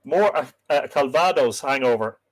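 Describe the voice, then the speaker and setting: A man's voice: mid-range voice, animated, normal speed, low-quality recording. A man with an Irish accent and a lilting storyteller's delivery, hosting a casual live stream and chatting through viewer comments. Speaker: host and storyteller of a live myths show.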